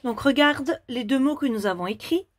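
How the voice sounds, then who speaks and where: A woman teacher giving a slow, step-by-step handwriting lesson to a young child. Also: high-pitched, expressive, no room sound.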